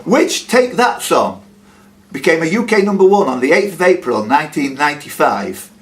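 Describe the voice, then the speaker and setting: With a fairly high pitch and a very animated delivery, a male quiz host reads questions at a moderate pace during a live pub-style quiz, slipping in chatty jokes between them. Clear background noise fills the live room.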